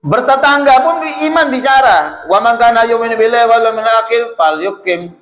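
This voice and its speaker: A man preaching a lively, chatty sermon in a mosque, often addressing listeners directly. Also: very high voice, fairly quick. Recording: echoey mosque hall.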